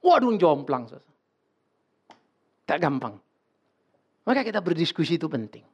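A man's voice: fairly high pitch, very animated, measured pace, slightly rough, highs cut off. A male pastor giving a sermon in a blunt, joking, colloquial way.

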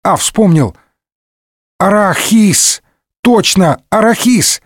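A gormless, sniffly young man chattering eagerly in a high, bouncy voice, as a male narrator puts him on. The storybook reading is dry and close, with no room sound. It is comic audiobook character work. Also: animated, measured pace, a little mellow, no echo. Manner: eager, dim-witted chatter.

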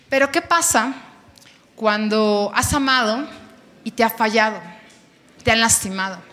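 A woman's voice: high voice, fairly bright tone. A Mexican woman in her thirties preaching to young people at a church service, candid and conversational, repeating words for emphasis. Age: 30s. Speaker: youth preacher. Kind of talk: sermon with personal testimony. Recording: long hall reverb.

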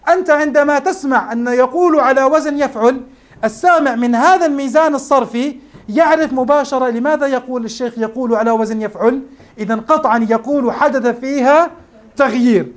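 Man teaching a class, high voice, explains step by step, asks questions. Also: brisk. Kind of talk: classroom lecture.

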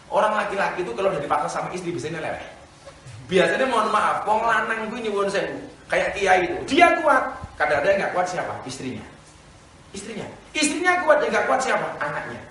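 A man's voice: sits high, sing-song, fairly quick, pushed and bright, a little hiss or hum. A male preacher with a Javanese accent giving a humorous sermon, telling stories and tossing questions to his audience. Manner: jokey, storytelling, asks the audience questions. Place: gathering place in a red-light district. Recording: echoey, distant mic, faint ambience.

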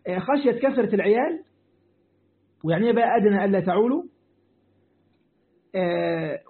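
A man with an Egyptian Arabic accent, a sheikh giving a religious lesson who speaks straight to his listeners, repeats his points and answers their questions. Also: high-pitched. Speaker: sheikh teaching Quran commentary. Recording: tinny phone-like line.

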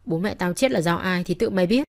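A woman's voice: on the low side, fast, creaky. Woman doing a furious young wife cursing. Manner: cursing through clenched teeth.

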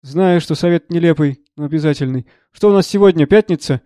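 A man reading the part of a gruff, blunt elderly friend who speaks curtly and probes. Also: fairly high pitch, brisk, warm tone, no room sound, close to an everyday voice. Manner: curt, dry, probing.

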